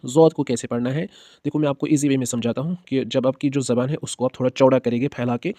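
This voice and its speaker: A man teaching how to pronounce Arabic letters, patient, stretching each letter slowly and checking in with the learner often. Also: medium pitch, steady tone, dark tone, dry recording. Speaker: Quran teacher.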